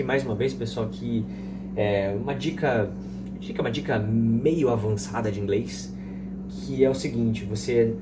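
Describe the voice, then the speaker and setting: Man teaching English amid loud noise. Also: mid-range voice. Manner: explains slowly, repeats example sentences several times; fillers like "né?" and "tá?". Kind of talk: casual explanatory lesson.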